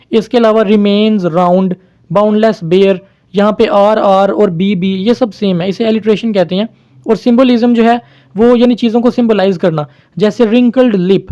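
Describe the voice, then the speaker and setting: Teacher, male, high and mellow voice, calm explainer, dull lo-fi recording. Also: moderate pace. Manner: mixes English terms into explanations, addresses viewers as friends. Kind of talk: explaining a poem to viewers.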